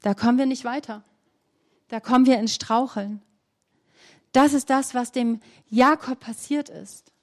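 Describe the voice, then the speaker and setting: A woman preaching a sermon, earnest, asking her listeners questions and reading scripture slowly with emphasis. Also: on the high side, a little mellow.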